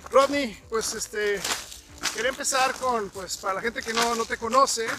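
A man's voice: very high-pitched, normal speed, over music. A man hosting a podcast, chatting casually with many fillers and restarts while walking outdoors in the snow. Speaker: podcast host. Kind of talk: casual interview chat. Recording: outdoor recording with crunching snow noise.

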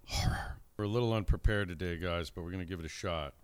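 A man's voice: sits low, quick pace, clean tone, no echo. A man co-hosting a podcast in casual chat, throwing in wisecracks and dry asides. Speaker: co-host.

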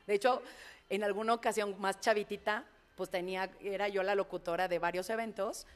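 A woman with a Mexican accent, a public speaker and announcer, telling anecdotes in a lively, colloquial, frank way in conversation. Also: mid-range voice, fairly quick. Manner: expressive, imitates heartbeats and screams. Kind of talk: animated storytelling in conversation.

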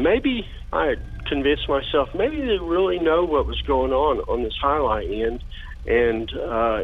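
A retired police detective, a man, recalls an old case in a halting interview, with many fillers and restarts. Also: medium pitch, husky. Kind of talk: interview recollection. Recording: phone-like interview recording.

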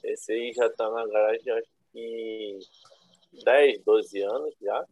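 A man's voice: on the low side, takes it slowly, darkish tone. A Brazilian man in his thirties with a Rio accent tells casual, rambling, slangy stories as a guest on a remote call. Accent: Rio de Janeiro Brazilian. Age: 30s. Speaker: guest, classic car owner. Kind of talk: casual storytelling chat. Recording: roomy, thin phone-like internet call.

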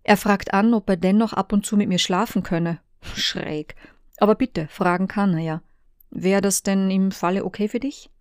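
A woman reading the messages of a married woman, soft and reflective. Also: medium pitch, steady tone, normal speed, dry recording, studio quality, close to an everyday voice. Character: Kaja, a searching married woman.

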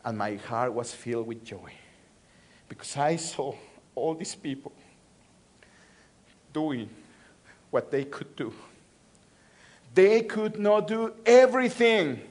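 Man, Mexican Spanish accent, pastor, sermon, high-pitched, call-and-response. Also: expressive, slow pace, long pauses. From Mexico City. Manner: call-and-response, repeating phrases with swings between loud and soft. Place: church.

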